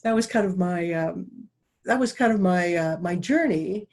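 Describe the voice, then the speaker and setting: A middle-aged woman giving an online talk as a dowsing presenter, speaking quickly and earnestly with restarts and asides. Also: lowish voice, a little mellow. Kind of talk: online talk over a video call. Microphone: video call.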